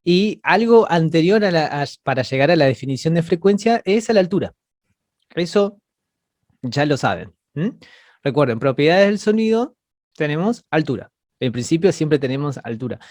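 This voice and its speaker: A man's voice: on the high side, lively intonation, normal speed, a little mellow, no room sound. A man teaching an online class over a video call, explaining patiently and often repeating words as he goes.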